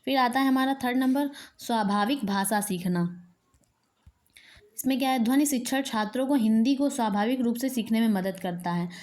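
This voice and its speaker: A woman's voice: fairly high pitch, moderate pace, darkish tone. A woman teacher giving an exam-prep lecture, reading each point aloud and then explaining it again in plain words.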